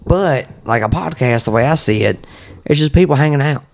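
A man's voice: mid-range voice, expressive, a little fast, creaky. A man in a casual podcast chat as a guest, rambling in a folksy way and cursing often. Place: at home.

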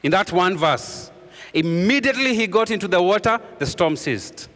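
A man preaching a sermon with a fairly high voice, leaning on repeated phrases and sinking to hushed tones to drive a point home. His voice rings out with a long reverb, as if in a church hall. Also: animated, normal speed. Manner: earnest preaching, repeats key phrases, drops to a hushed voice for emphasis. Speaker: pastor.

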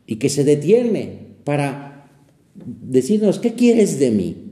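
A man, a priest, leading a guided prayer meditation in an unhurried, reflective way, often pausing and restarting his phrases. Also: mid-range voice, warm tone. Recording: roomy echo.

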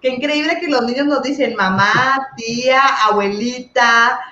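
A woman teacher co-hosting a casual chat, telling lively anecdotes. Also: a little high, measured pace, echoey room, highs cut off. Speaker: teacher, co-host.

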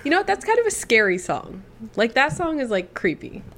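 A woman co-hosting a casual podcast chat, wry and quick to laugh, sleep deprived. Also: high voice, very animated, a bit bright, a little hiss or hum. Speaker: podcast co-host.

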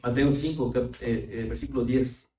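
A man's voice: mid-range voice, fairly even intonation, moderate pace, warm tone, a little hiss or hum. A man preaching a fervent sermon, often repeating words and calling the congregation brethren. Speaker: pastor. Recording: roomy sound, voice far from the mic.

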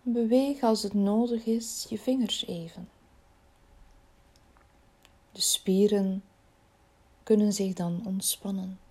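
A woman leading a guided body-scan relaxation in a slow, soothing, soft voice that often drops near a whisper. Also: mid-range voice, fairly even intonation, breathy edge.

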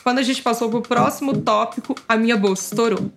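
A young adult woman casually telling her own birth story, acting out the dialogue in lively turns. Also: on the high side, quick pace, gravelly, faint music behind. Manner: lively, acts out quoted dialogue.

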